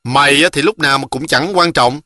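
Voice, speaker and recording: A man's voice: a little high, fairly quick, bright, forceful tone, no room sound, studio quality. A man doing a grumpy scolding village boy. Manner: gruff, scolding. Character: grumpy bossy older brother boy.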